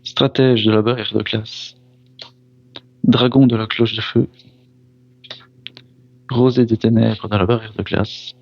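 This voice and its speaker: A man's voice: medium pitch, little pitch movement, gravelly, no room sound, highs cut off. A man opening trading card packs, reading each card name aloud and reacting briefly. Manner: reads card names one by one, pausing to react; apologizes for mispronouncing foreign names. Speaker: card pack opener. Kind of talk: casual card opening commentary.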